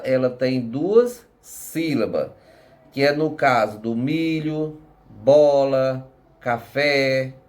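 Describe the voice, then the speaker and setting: Slow, patient teacher man. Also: mid-range voice. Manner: slow, patient, checks in with frequent tag questions. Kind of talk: recorded home lesson for children.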